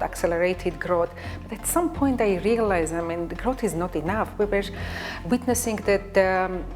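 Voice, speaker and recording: A woman's voice: medium pitch, darkish tone. A woman, a diplomat, explaining her path in an interview and often saying "I mean". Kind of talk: interview answer.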